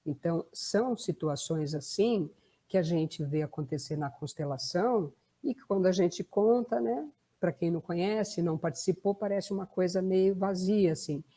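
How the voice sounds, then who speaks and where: A family constellation therapist explains a case in a chatty way, leaning on tag questions. She is a woman with a Brazilian Portuguese accent and a lowish, warm voice at normal speed.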